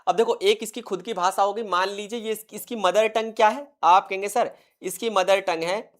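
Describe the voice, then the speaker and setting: A man's voice: high-pitched, steady tone, moderate pace. Man lecturing, quizzing his class. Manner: quizzes students constantly, answers his own questions; repeats key terms for emphasis. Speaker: teacher. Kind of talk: exam-prep lecture.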